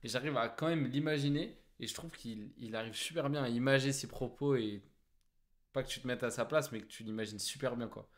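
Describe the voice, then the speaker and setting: A man's voice: mid-range voice, fairly quick. Laid-back man, hesitant casual chat. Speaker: reaction show co-host. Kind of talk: casual chat reacting to music.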